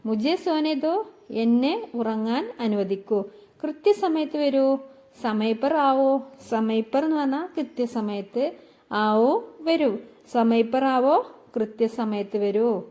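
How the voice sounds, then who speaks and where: Woman, language teacher, slow careful delivery, soft mellow tone, fairly high voice. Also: lively intonation. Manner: repeats each phrase slowly, then explains it. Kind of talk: slow spoken-language lesson.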